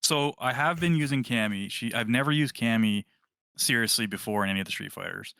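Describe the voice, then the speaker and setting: A man's voice: medium pitch, a little fast, gravelly, bright, forceful tone, dry recording, clean studio sound. A man co-hosting a casual gaming podcast, rambling and correcting himself as he talks. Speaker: podcast co-host.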